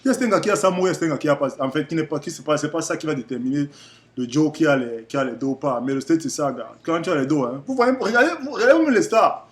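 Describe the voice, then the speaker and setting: A young Cameroonian man with a slightly high voice tells a story to his viewers. His Cameroonian French accent is clear. He talks in a loose, animated way and keeps repeating himself as he rambles. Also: rapid-fire. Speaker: vlogger.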